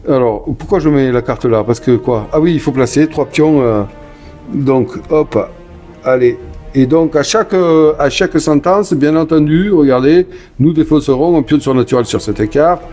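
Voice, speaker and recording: A solo board game player who hosts his own channel chats casually about the game he's playing, reading cards aloud and talking to viewers. He mutters asides and sighs over bad luck, his slightly high, mellow voice moving at a moderate pace over faint background music.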